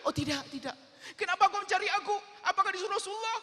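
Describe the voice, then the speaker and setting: A man voicing a frightened, ashamed young boy who cries and pleads in a high, tearful voice while telling a story in a sermon. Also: very fast, lightly acted. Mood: panicked. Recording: echoey hall reverb.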